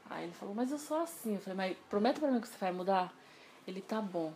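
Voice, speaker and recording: A woman telling a personal story in a casual interview, animated and acting out the dialogue she quotes. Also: medium pitch, fast, slight background noise.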